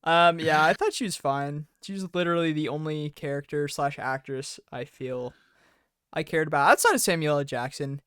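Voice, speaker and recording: Jokey guy on a podcast call, smooth clear voice, kinda high. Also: moderate pace, fairly bright tone, dry recording, clean studio sound. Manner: jokey, wry asides. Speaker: podcast co-host. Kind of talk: casual chat. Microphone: own mic over a remote call.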